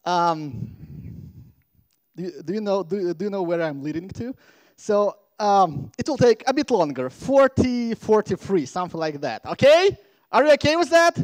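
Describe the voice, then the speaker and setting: A man from Latvia giving a playful, energetic conference talk from a stage microphone. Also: high voice, moderate pace, dry recording. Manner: energetic, playful, engages the crowd. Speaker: conference speaker.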